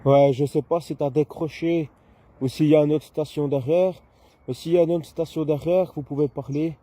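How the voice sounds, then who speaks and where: Out in a garden, an amateur radio operator chats on a two-way radio, casual and slightly hesitant. His voice is fairly high but dark in tone, with fairly even intonation at normal speed.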